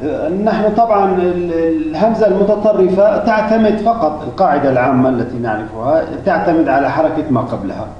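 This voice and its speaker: A man's voice: on the high side, slight background noise. Hesitant male teacher in an echoey room. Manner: halting, many restarts and fillers. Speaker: Arabic language teacher. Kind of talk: explaining spelling rules. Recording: distant mic, echoey room, dull lo-fi.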